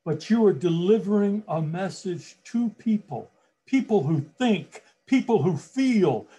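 Male speaking coach, mellow and husky, unhurried motivational delivery with long pauses. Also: high-pitched, lively intonation. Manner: slow, deliberate delivery with long pauses and repeated phrases. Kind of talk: motivational talk on public speaking.

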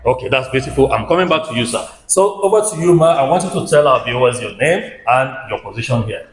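A man with a West African English accent hosting an on-location travel interview. He keeps the talk lively and repeats his guests' answers back to them. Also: mid-range voice, fast talker, roomy sound. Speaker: travel vlogger interviewing staff. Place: indoor restaurant and office.

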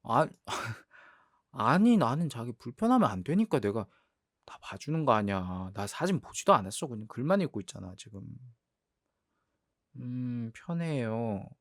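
In a role-play ASMR audio drama, a man voices a playful, defensive young boyfriend who protests haltingly, repeating his words, in a teasing yet wistful mood. His medium-pitched voice has a sing-song lilt, recorded at studio quality with no echo.

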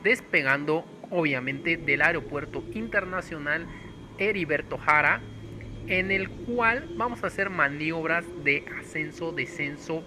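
A man, a pilot speaking over a cockpit headset mic, giving a formal, measured captain announcement. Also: fairly high pitch. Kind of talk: in-flight captain announcement and flight instruction. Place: small plane cockpit. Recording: loud engine drone in cockpit.

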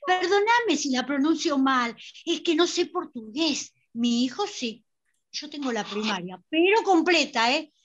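A woman's voice: sits high, big pitch swings, measured pace, muffled recording. A woman playing a chatty elderly mother who rambles and pleads, with a Rioplatense Spanish accent, full of hesitant fillers. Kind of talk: amateur theatre play over video call.

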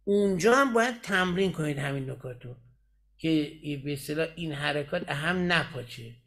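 High-voiced man teaching recitation. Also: animated, fairly bright tone. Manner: explains step by step and keeps checking "got it?". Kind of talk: lecturing in a recitation class.

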